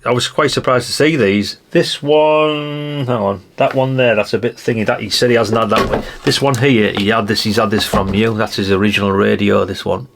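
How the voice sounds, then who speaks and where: In an unscripted show-and-tell, the middle-aged host of a retro radio collecting channel talks casually about the things he's showing. He's mildly sweary and full of tag questions. His medium-pitched voice is creaky and a bit bright.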